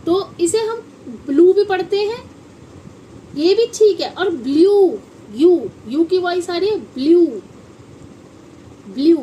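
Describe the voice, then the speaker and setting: A high-voiced woman runs a phonics lesson, taking her time as she spells each word out letter by letter. She keeps asking the children what a word says, then answers herself. A faint hiss of background noise sits under her voice. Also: expressive, slow pace, long pauses, mellow. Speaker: English phonics teacher. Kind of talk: classroom-style phonics lesson.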